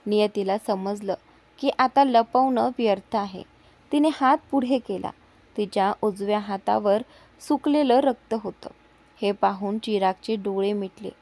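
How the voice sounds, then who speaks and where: A woman reading a romantic story aloud in a steady, clear narrating voice. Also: mid-range voice, unhurried.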